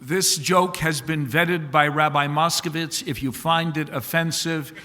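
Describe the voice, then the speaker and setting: A man, a rabbi, giving a eulogy with animated joke-telling and folksy asides in a synagogue sanctuary. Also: a little high, unhurried. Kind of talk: eulogy with humorous storytelling. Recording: long reverb of a large hall.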